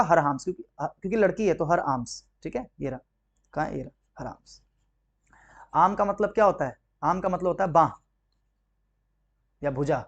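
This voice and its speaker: A man teaching English grammar for exam preparation, explaining step by step and often asking rhetorical questions before answering them himself. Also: sits high. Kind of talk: exam-prep grammar lesson.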